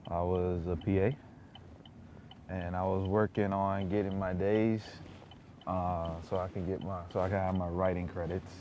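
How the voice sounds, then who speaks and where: A man's voice: low-pitched, level tone, moderate pace, warm tone. A man, a police officer, talking about his work in interview answers. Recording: slightly dull sound, faint noise.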